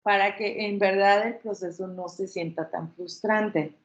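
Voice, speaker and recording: Here the workshop presenter on child language uses a mid-range voice with fairly even intonation and a measured pace. She reassures the audience during her informal talk and imitates baby sounds to illustrate, while the audio comes across slightly dull and echoey.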